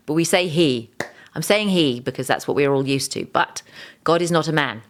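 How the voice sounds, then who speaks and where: A woman's voice: low-pitched, moderate pace. A woman podcast host and singer-songwriter telling an earnest, openly emotional faith story, restarting her sentences often. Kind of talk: personal faith testimony.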